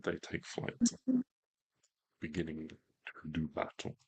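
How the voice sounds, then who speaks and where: A man narrating a tabletop fantasy game as game master, in a measured, theatrical storytelling manner. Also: very deep voice, monotone, slightly rough.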